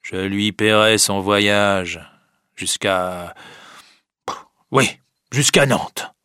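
A man's voice: lowish voice, drawn-out words, sharp tone, smooth, no echo, studio quality, heavily acted. A man reading aloud who voices a stern, miserly old wine-grower father who counts every coin. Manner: counting money aloud, insistent. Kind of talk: audiobook reading.

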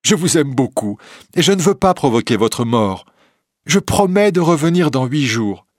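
A man voicing a kind, honest young woman in a storybook reading, speaking softly and sincerely. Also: lowish voice, unhurried, no echo, clean studio sound. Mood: pleading.

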